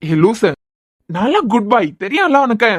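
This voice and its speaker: A woman's voice: a little high, big pitch swings, a little slow. A woman voicing a teasing young husband, Kanyakumari accent. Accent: Kanyakumari Tamil. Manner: bantering, scolding playfully. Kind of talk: cartoon web series voice acting.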